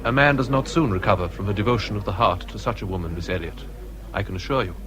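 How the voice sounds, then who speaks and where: An actor playing a courteous, ardent English naval captain in a period radio drama, with a formal, measured manner and an English accent. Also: male voice, lowish voice, lightly acted. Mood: restrained ardour. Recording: busy crowd murmur behind.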